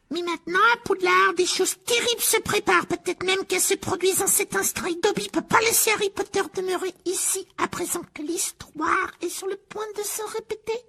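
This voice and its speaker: A woman acts out a timid, fretful male house-elf in an audiobook drama, giving him a very high, thin voice with vocal fry and a fairly bright tone. The heavily acted performance has him pleading, fretting and scolding himself in a self-punishing way.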